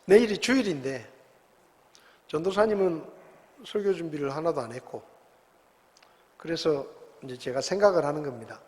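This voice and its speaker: Speaking at a moderate pace with lively intonation, this man has a fairly high, darkish voice and pauses often. He is a pastor giving a conversational, story-driven sermon full of rhetorical questions, and the church hall's long reverb fills the recording.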